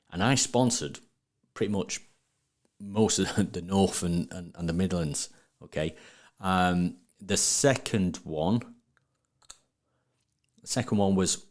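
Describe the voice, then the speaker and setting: A man with a Sheffield accent talking casually in an interview, informal and emphatic, with northern English phrasing. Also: sits low. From Sheffield, England. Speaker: podcast guest, trade business marketing speaker.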